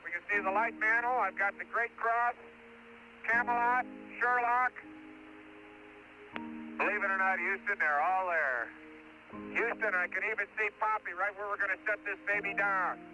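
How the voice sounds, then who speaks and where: A male astronaut speaking over a lo-fi space radio transmission from an archival mission recording, excited and marveling as he talks. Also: high voice, moderate pace, long pauses, faint music behind.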